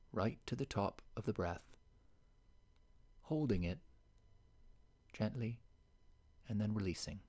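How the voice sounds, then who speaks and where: Male meditation guide, lowish voice, unhurried, hushed delivery. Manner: soft, slow and soothing, sometimes sinking to a whisper.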